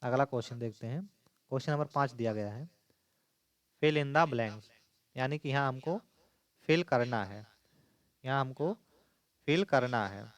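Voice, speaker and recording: A man's voice: medium pitch, normal speed, long pauses, no echo. A man teaching an exam-prep lesson, explaining step by step and repeating key points.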